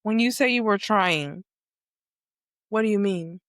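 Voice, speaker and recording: A woman's voice: mid-range voice, measured pace, fairly bright tone, no echo, studio quality. A woman hosting a podcast interview, asking probing follow-up questions and affirming often. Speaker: podcast host. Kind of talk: conversational interview.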